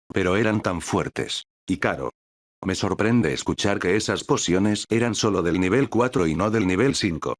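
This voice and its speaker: A man's voice: lowish voice, no room sound, clean studio sound. A man reading a light novel aloud as an audiobook narrator, voicing the dialogue with little change from his narrating voice.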